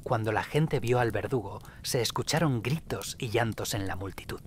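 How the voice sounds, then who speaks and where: A man calmly narrating a bedtime story in a measured way. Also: lowish voice, slight background noise.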